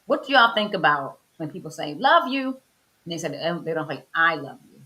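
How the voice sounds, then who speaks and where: A woman's voice: low voice, lively intonation, brisk, bright, forceful tone. A woman co-hosting a faith talk show, eagerly responding with call-and-response exclamations. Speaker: co-host.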